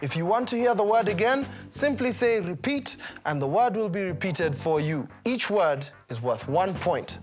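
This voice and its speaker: A woman announces the rules of a game show. Her delivery is scripted and clear, with lively swings in pitch. Soft music plays behind her. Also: moderate pace, few pauses. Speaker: contest co-host. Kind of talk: game show rule explaining.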